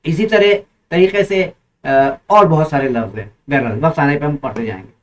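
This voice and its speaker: Guy teaching english, says stuff slow and over again, kinda high voice. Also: rough recording. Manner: repeats phrases slowly, then explains in Urdu-flavored Hindi. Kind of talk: spoken English lesson with slow drills.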